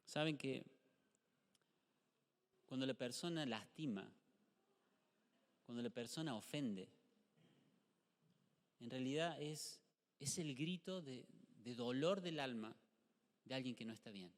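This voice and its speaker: A middle-aged male pastor with an Argentine Spanish accent, preaching a lively sermon and asking the congregation rhetorical questions. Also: medium pitch, takes it slowly, pauses often. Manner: animated, acts out short dialogues, rhetorical questions to the congregation. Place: church hall. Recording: live church stream with long hall reverb.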